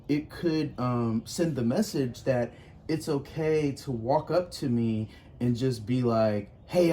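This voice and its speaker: A man's voice: medium pitch, mellow, a little hiss or hum. A man hosting a casual porch conversation, speaking earnestly and reflectively with occasional laughs. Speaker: podcast host.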